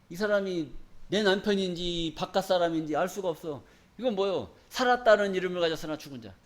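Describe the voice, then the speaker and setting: A male pastor preaching a sermon in a church, emphatic and folksy, often asking the congregation questions for them to answer back. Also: high-pitched. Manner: call-and-response questions to the congregation.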